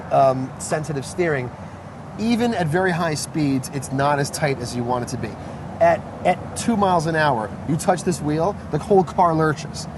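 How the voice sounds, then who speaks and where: Chatty man explaining his old car outdoors. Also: on the high side. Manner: enthusiastic, rambling explanations with fillers. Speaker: car owner guest. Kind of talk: casual chat. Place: outdoors on a city street. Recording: noisy outdoor street sound.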